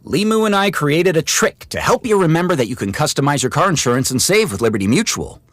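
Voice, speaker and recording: An actor playing an earnest, silly, slightly rough-voiced pitchman explaining absurd logic in a comic radio commercial. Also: big pitch swings, quick pace, no room sound, clean studio sound.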